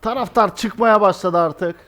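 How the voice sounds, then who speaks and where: A young man commentating his own football video game match live, excitable and exasperated, shouting at his players. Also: high voice, unhurried.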